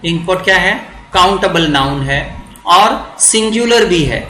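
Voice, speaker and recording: A man teaching English grammar for exam prep, repeating words slowly to drill pronunciation. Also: high voice, expressive, sharp tone, echoey room, poor audio.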